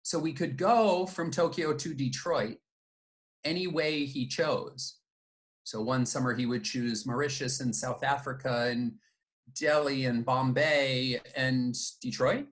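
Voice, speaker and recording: A middle-aged man, born in the United States and raised in Japan, telling his life story in a reflective, measured way as an interview guest. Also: medium pitch, steady tone, a bit bright. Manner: reflective, measured, with fillers and restarts. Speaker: guest, company founder and CEO.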